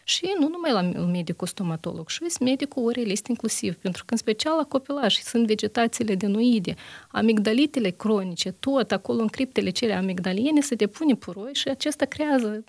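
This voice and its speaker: A woman's voice: a little high, animated, gravelly, dry recording. A woman internist answering interview questions on a health show, methodical, listing examples with frequent hesitations.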